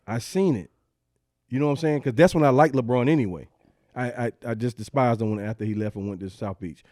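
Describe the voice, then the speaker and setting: A man in casual sports talk, his voice dark and mellow. He rambles in a relaxed way, doubling up words before landing his point. The sound is dry and close, with no room around it. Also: mid-range voice, fast, no room sound. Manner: rambling, repeats words, laid-back. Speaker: podcast co-host.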